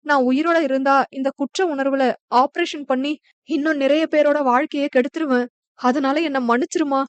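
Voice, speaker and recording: A woman narrator voicing a guilt-ridden middle-aged woman doctor who speaks in a hurried, pleading way. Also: high-pitched, fairly even intonation, no echo, natural voice. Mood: frantic remorse.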